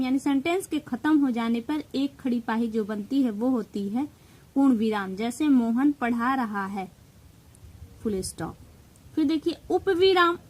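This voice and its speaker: A woman's voice: high voice, a little mellow, poor audio. A woman teacher with a Hindi accent giving an exam-prep grammar lesson, explaining step by step, stressing key terms and mixing in English words.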